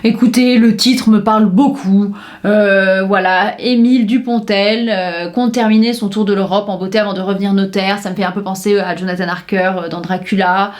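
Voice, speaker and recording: A woman's voice: medium pitch, fairly even intonation, normal speed. A young woman from France chatting casually about her reading list on her podcast, enthusiastic, with many fillers and restarts. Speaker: book podcaster. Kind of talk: casual book chat.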